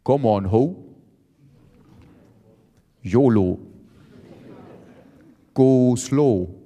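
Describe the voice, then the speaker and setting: A laid-back stoner , played by a man, drawls slowly in a flat monotone. He sounds set back from the mic. A long hall reverb trails every word. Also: medium pitch.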